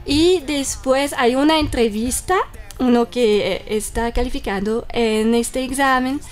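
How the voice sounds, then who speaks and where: Answering interview questions as a guest from a French cultural institute, this French-accented woman gives lengthy explanations dotted with "mira" and "entonces." Her voice is a bit high-pitched and her pace unhurried.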